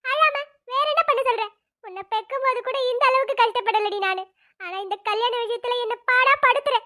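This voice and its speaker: A woman voicing a distraught mother in a cartoon, wailing and scolding in a tearful, shrill voice. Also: expressive, fast talker, a bit bright. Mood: wailing angry. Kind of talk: cartoon voice acting.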